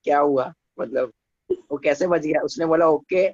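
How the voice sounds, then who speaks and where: Male student, hoarse gravelly voice, hesitant, dry lo-fi audio. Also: a little high, moderate pace, darkish tone, dry recording. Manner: confused, hesitant.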